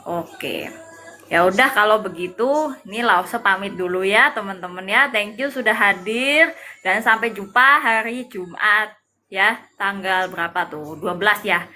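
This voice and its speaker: A young woman teaching Mandarin in a live-streamed lesson, explaining slowly and patiently, often pausing on "nah" and "ya". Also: mid-range voice, pushed and bright, soft background music.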